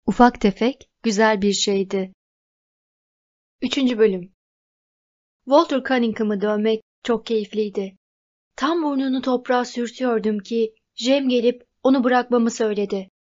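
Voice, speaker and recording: A woman reading a novel aloud as audiobook narrator, in an even, measured way. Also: on the high side. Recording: dull lo-fi recording.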